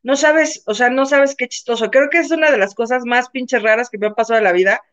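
A Mexican woman tells a story on a casual live show, bringing the people in it to life as she talks. Her voice sits high, and the recording sounds dull and lo-fi. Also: brisk. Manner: animated, acts out voices in her anecdotes. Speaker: co-host. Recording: muffled lo-fi sound.

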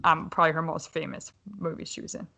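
Offhand woman with a lowish voice. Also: little pitch movement, quick pace, vocal fry, pushed and bright. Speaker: podcast co-host. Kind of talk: casual chat.

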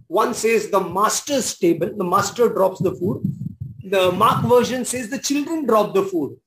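A pastor delivers a sermon in a high voice. He stresses and repeats his main points and breaks into exclamations. A faint hiss sits under the recording. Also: unhurried, a bit bright, low-quality recording. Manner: emphatic, repeats key phrases, exclaims.

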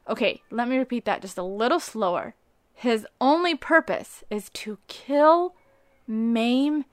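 Woman reading her devotional out loud, earnest, gets preachy and punchy, kinda high voice, dry sound. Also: no room sound. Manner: earnest, rising to emphatic preaching on key phrases.

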